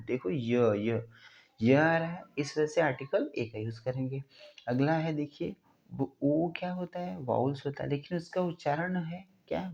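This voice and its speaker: A man gives a classroom-style grammar lesson in a dark, mellow voice, slowing down to stretch out each sound he is demonstrating. He keeps checking in with his listeners. The recording is somewhat dull and lo-fi. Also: on the high side. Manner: explains step by step, often asking the listener "clear?"; stretches out sounds slowly to show pronunciation. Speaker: English teacher.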